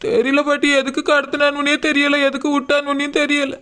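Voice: high-pitched, completely flat delivery, fairly quick, bright, forceful tone. Someone voicing a tearful young woman. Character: frightened pregnant young woman.

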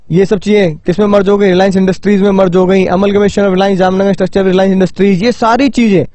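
An Indian man lecturing with a high voice. His delivery is animated, full of repeated points and rhetorical questions. The room sounds dry and close. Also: no echo. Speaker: teacher. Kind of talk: recorded lecture.

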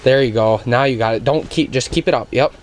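A man's voice: medium pitch, a little fast. A young man hosting a casual fishing vlog, upbeat and coaching his cousin with short repeated cheers, recorded on an action camera inside a small ice shelter. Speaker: outdoors channel host.

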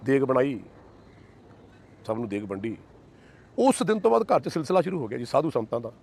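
A middle-aged man speaks in a mid-pitched voice as an interview guest sharing a heartfelt testimony. He talks quickly and fervently, repeating devotional phrases in long chains. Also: big pitch swings, creaky, darkish tone. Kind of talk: emotional personal testimony.

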